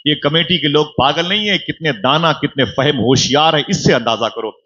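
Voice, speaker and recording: A man's voice: fairly high pitch, normal speed, pushed and bright, breathy edge. A man preaching a sermon at a religious gathering, telling the story dramatically and with feeling while speaking to the crowd. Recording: dull lo-fi gathering recording.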